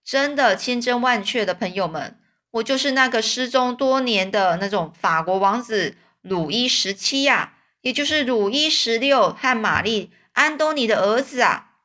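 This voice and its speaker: A woman's voice: on the high side, lively intonation, normal speed, a bit bright. A woman voicing an old bald male swindler who claims to be a lost king, whining and grandiose.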